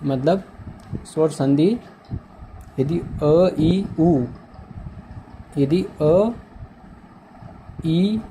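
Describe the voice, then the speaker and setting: A man's voice: fairly high pitch, warm tone, a little hiss or hum, rough recording. A man teaching a grammar lesson, who repeats each word and keeps asking his students questions. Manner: slow, repeats words and asks the class questions. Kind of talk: slow, repetitive grammar lesson.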